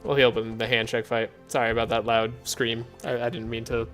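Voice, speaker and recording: A man streaming a card game, talking in a soft, relaxed, sleepy way with frequent chuckles. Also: medium pitch, a little fast, faint music behind. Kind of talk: relaxed gameplay commentary.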